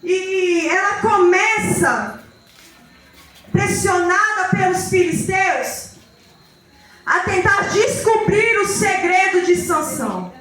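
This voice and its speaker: Woman preacher, sing-song cadence, shouted emphasis, very high voice, echoey room, faint music. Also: slow. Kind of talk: sermon.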